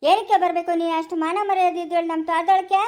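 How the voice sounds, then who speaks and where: A woman playing a sharp-tongued, quarrelsome middle-aged village mother in a family drama, scolding and hurling insults. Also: extremely high pitch, flat delivery, racing. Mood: angry scolding.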